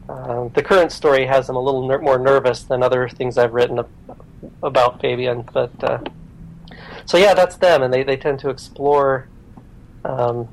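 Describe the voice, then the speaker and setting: A man who is a guest on a podcast, talking in a relaxed, self-deprecating way with many fillers. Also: mid-range voice, creaky, rough recording. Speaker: podcast guest, programmer and writer. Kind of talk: casual interview chat.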